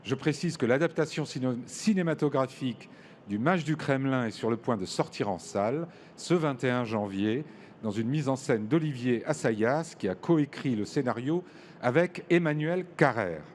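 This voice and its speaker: A man moderating a panel discussion, giving formal, measured introductions to his guests. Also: medium pitch, animated, a little hiss or hum. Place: large hall at a public event.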